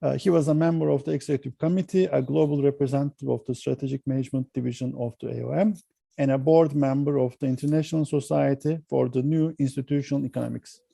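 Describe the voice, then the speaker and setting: A man's voice: medium pitch, steady tone, quick pace, gravelly, warm tone, no echo. A man hosting an interview, reading a guest introduction with fillers and slips, then asking questions. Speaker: interview host.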